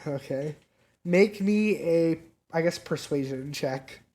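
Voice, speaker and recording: A game master narrating a tabletop game in a casual, halting way, full of fillers. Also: mid-range voice, a little mellow.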